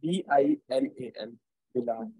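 A man with a Pakistani accent answering as a language test candidate, in halting, hesitant non-native English. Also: medium pitch, animated, warm tone, slightly rough, dry recording, rough recording. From Lahore, Pakistan.

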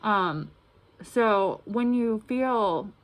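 A woman speaking through a face mask, slightly muffled, giving a casual, halting and earnest tarot reading to camera. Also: medium pitch, animated. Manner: halting, earnest, repeats words. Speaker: tarot reader. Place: indoor room at a table. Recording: clearly noisy room recording.

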